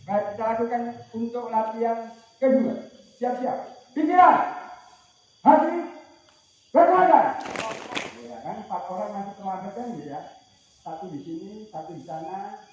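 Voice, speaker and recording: Facilitator, man, high voice, jokey, barking game commands, heard from a distance in a big echoey space. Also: brisk, a little hiss or hum. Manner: shouted commands, joking and teasing. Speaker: outbound training facilitator. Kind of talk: leading group games outdoors. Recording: distant, roomy, muffled.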